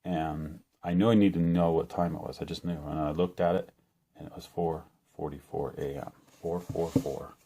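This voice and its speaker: A man's voice: extremely low pitch, steady tone, moderate pace, gravelly, dark tone. A middle-aged man telling the story of a dream in a rambling, earnest way, full of restarts and fillers. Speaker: channel host. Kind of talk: personal testimony to camera.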